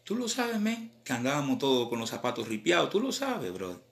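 A man with a Cuban accent, a rapper chatting casually on a live stream in animated, slang-filled talk. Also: medium pitch, a little fast, creaky. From Cuba.

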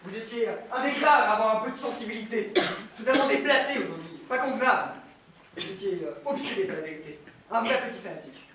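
A man's voice: high-pitched, quick pace, sharp tone. A man playing a cowardly, dismissive cabaret director who talks down to the young soldier. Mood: condescending. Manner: condescending, hesitant. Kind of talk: stage play performance. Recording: echoey hall, mic far off, faint noise.

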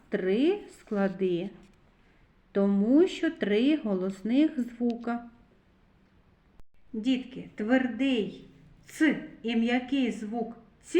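Lady teacher talking to little kids, kinda high voice, echoey room, drags out each syllable. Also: a little mellow. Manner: slow, clear and sing-song, drawing out words syllable by syllable. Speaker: kindergarten teacher. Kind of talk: recorded literacy lesson for preschoolers.

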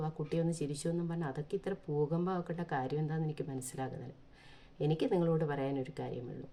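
A woman with a low, mellow voice speaks in an earnest, pleading monologue. She is from Kerala and drives her points home with one rhetorical question after another. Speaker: vlogger. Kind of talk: impassioned opinion monologue.

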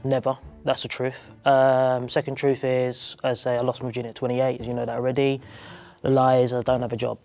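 A man's voice: medium pitch, monotone, a little fast, darkish tone, faint music behind. A man chatting hesitantly and nervously on a speed dating show, with lots of fillers. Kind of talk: casual chat.

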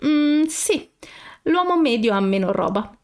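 Woman voicing a defensive young man, indignant, flustered, fairly high voice, storybook reading. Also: very animated, measured pace, full character voice.

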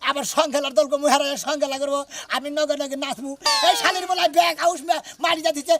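A man with a rural Bangladeshi accent grumbles through a comic village skit, sounding fed up. His voice is very high and his delivery fast. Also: flat delivery, loud music behind the voice. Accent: rural Bangladeshi Bengali.

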